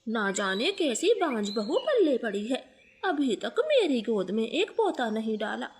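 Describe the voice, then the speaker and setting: A woman voicing a bitter, taunting old mother-in-law bird in a cartoon, speaking in a harsh, sharp-tongued way. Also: on the high side, very animated, measured pace.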